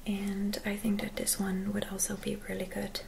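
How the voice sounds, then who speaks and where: A woman in her twenties doing a whispered role-play as a spa attendant, speaking softly and gently in an attentive, whispery voice. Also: mid-range voice, completely flat delivery, normal speed, creaky, noisy background. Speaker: ASMR performer playing a spa clinic receptionist and therapist. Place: small dim room at home.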